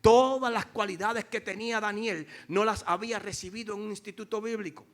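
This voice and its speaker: A male pastor preaching a sermon to his congregation, swinging between loud declarations and hushed, slow phrases, and calling for responses. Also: sits high, steady tone. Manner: addresses congregation directly, calls for responses.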